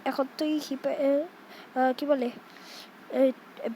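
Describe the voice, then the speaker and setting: A woman's voice: high-pitched, level tone, slow, dark tone, slight background noise, low-quality recording. A young woman from Bangladesh giving casual, jumpy commentary while playing a horror game and talking back to the game. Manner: jumpy, chatty, scolds the game baby. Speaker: gaming streamer.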